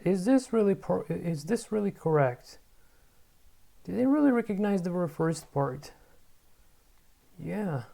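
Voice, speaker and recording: A mid-range voice with vocal fry comes from a language learner in a casual pronunciation vlog. They mutter, repeat words many times, self-correct, and show sudden bursts of excitement.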